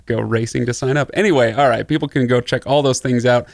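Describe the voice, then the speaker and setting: A man hosts a podcast in an easygoing, joking manner. His voice sits at a middle pitch and sounds close and dry, with no room echo. He banters casually with his co-host. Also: steady tone, fast talker, vocal fry.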